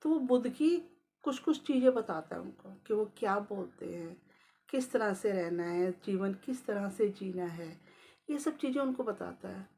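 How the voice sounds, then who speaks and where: A woman's voice: mid-range voice, animated, normal speed, mellow, breathy edge. A woman telling a moral story in a casual, conversational way, with loose phrasing and occasional English words.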